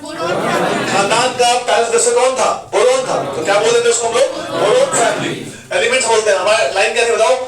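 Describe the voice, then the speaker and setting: A man's voice: very high-pitched, a little fast, crowd noise. A man teaching chemistry to a class, quizzing students and chanting memory lines for the elements. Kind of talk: classroom lecture with mnemonics. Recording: echoey room, mic far off, class noise.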